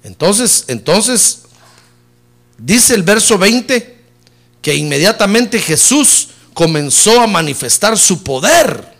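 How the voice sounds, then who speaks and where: A middle-aged male pastor preaching a sermon with humor, swinging from loud emphatic peaks down to low soft asides. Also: very animated, slow. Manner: preaching with humor, rising loud on key points and dropping low and soft on "hermano".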